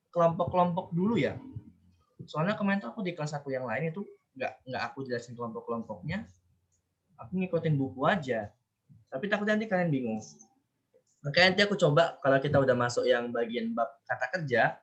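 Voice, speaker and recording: A man teaching a casual online language class, chatty, often drawing out example phrases slowly to show their intonation. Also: mid-range voice, a bit bright, dull audio. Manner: chatty, rambling asides. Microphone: online class call.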